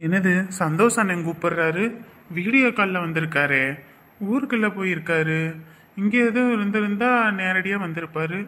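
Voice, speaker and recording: A man's voice: high-pitched, normal speed, sharp tone. A man playing a son who speaks in a plain, polite, attentive way. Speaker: son in the drama. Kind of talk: Tamil village web drama acting.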